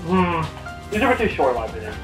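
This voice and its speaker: A young man commentating gameplay in casual chat, excitable and loud, laughing often. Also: a little high, fast talker. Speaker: let's play commentator. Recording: echoey room with faint game music. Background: faint game music.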